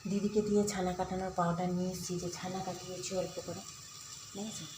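A middle-aged woman talks to her viewers in a casual daily-life vlog from her home kitchen, chatty and confiding. Her voice is lowish and flat, and she speaks fairly quickly over some background noise.

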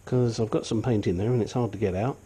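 This older hobbyist engine restorer speaks fast in a fairly low, warm, slightly rough voice, his nose audibly sniffly. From his cluttered home garage workshop he gives a casual walkthrough that is blunt, chatty and self-deprecating.

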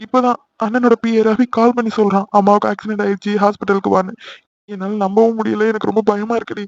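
A man's voice: high voice, little pitch movement, fast talker, vocal fry, dry recording. A man voicing a worried, protective young man in an amateur cartoon, talking earnestly and pleading. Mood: anxious. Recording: dry, slightly dull lo-fi recording.

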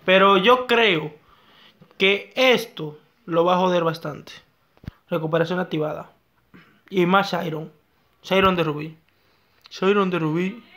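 A young man giving excitable live gameplay commentary, talking to himself and his viewers and repeating his phrases. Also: high voice, unhurried, long pauses. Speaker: gaming YouTuber.

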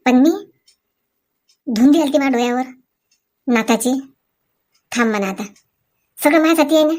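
A bossy, quarrelsome middle-aged mother-in-law, played by a woman, scolds and complains in a Vidarbha Marathi accent. Her voice sits high for a woman. The sketch is a comic family skit. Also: moderate pace, darkish tone, lightly acted. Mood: grumbling. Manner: scolding, self-pitying complaints. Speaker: actor in a comedy skit.

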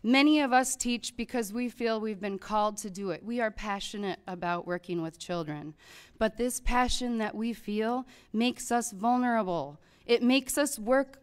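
Her voice a little high and smooth, a teacher in her thirties delivers a prepared public comment into a podium microphone in a large hall. She sounds earnest and pleading, and her delivery rises to loud emphasis.

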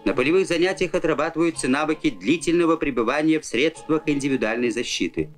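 A man's voice: fairly high pitch, quick pace, soft background music. A man reading formal, instructional scripted narration in the manner of a 1980s Soviet military training film. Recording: old film soundtrack.

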